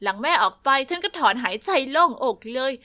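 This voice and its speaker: A woman narrating a first-person story, lively and confiding, speaking straight to the listener. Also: high voice, a little fast.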